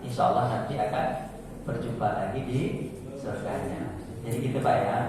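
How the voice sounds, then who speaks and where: A man's voice: mid-range voice, fairly even intonation, moderate pace. A man giving a short mosque sermon in a storytelling way, with speech, often addressing listeners as "sir" and acting out the people in his stories. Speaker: preacher. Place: mosque hall. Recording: echoey hall from far off, faint noise.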